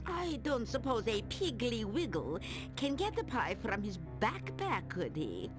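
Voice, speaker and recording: Old man-eating witch for a fantasy game: slow, swooping, gleefully menacing, faint music underneath. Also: a little high, wildly swooping pitch. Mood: teasing. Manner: theatrical, drawn-out, mock-sweet cackling delivery.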